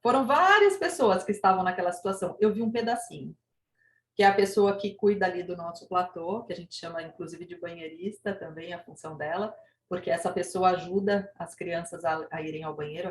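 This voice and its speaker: A woman's voice: fairly low pitch, a little fast, roomy sound, a little hiss or hum. A woman from Brazil, an educator telling a school story in a training talk and acting out the dialogue. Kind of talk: online teacher training talk.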